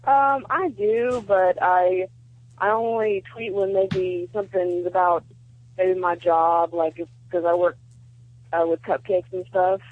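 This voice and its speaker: A woman's voice: fairly low pitch, fairly even intonation, a little slow. A woman in her twenties with a Southern US accent, calling a show, sounding tired, reserved and hesitant as she chats casually. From Georgia, United States. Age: 20s. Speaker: radio show caller. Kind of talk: casual phone-in chat. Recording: dull band-limited phone call.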